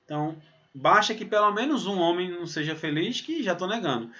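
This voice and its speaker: A man from Pernambuco teaching a recorded math lesson, talking it through step by step with a lively delivery and frequent "né?" tags. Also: high-pitched, fairly quick. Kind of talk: recorded exam-prep lesson. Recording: slightly dull, muffled sound.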